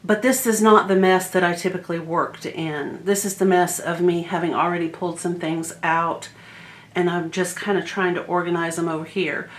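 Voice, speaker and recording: A woman's voice: lowish voice, steady tone, moderate pace. A woman chatting casually and informally to her viewers in a rambling home vlog, indoors in a house. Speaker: vlogger. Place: indoors, emptied rooms of a house. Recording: echoey empty room.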